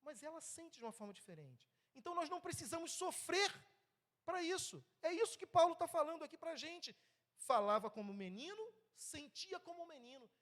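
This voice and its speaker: A man's voice: very high voice, a little fast. A man in his thirties with a Brazilian Portuguese accent, preaching a sermon in a church, conversational and often checking in with the congregation. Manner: lively, swings between loud and soft.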